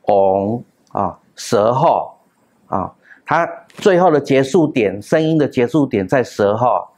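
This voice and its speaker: A man giving a classroom lecture on classical texts, explaining step by step with drawn-out particles and sung example tones. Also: medium pitch, a little mellow. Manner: explains with pauses, drawn-out particles, chants and hums sounds.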